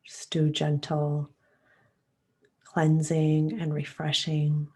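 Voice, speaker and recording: A woman guides a meditation softly and calmly, her soothing, unhurried low voice carrying a breathy edge. Long pauses and breaths close out her phrases.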